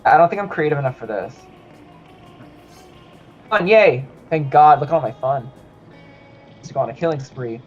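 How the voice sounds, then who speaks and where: A man on a gaming stream reads the game's text aloud with a lively, swooping delivery, cursing and laughing as he plays. The sound is muffled and lo-fi, with faint music behind him. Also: a little high, moderate pace, pauses often. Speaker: gamer. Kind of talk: casual game stream chat.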